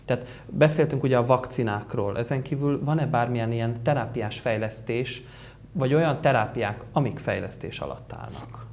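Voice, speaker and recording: A man's voice: medium pitch, lively intonation, darkish tone, slight background noise. A man hosting an interview, asking long, carefully framed questions and correcting himself along the way. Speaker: interview host.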